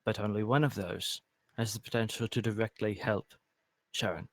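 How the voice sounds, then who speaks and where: A man's voice: on the low side, fairly even intonation, normal speed, dry recording. A man playing a tabletop game in character, talking things through in an earnest, deliberating way. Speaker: player. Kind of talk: in-character tabletop role-play.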